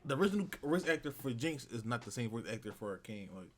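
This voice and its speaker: A man's voice: medium pitch, very animated, fast talker, slight background noise. A man co-hosting a podcast, talking casually in slang with frequent swearing. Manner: slangy, peppered with swearing and "bro". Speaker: podcast co-host.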